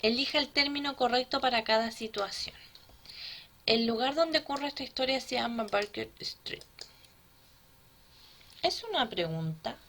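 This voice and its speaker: A woman teaching a grammar lesson to children, patient and often checking with a quick "¿ya?". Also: on the high side, expressive, pushed and bright.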